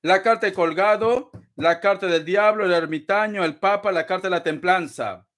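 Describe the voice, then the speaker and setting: A man with a high, light voice hosts a live tarot reading. He teases his viewers, calls them darling, and breaks into frequent laughter. His delivery is dramatic and chatty. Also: moderate pace, fairly bright tone. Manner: laughs often between phrases. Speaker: tarot reader.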